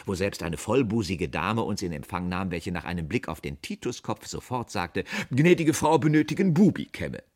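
A man narrating a humorous short story with wry, expressive delivery. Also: deep voice, moderate pace, few pauses.

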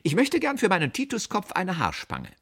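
A man reading a humorous story aloud, voicing a sharp-tongued, indignant elderly aunt who scolds in a high, drawn-out voice. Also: huge pitch swings, slightly rough, heavily acted. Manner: shrill, scolding, stretched-out outraged words.

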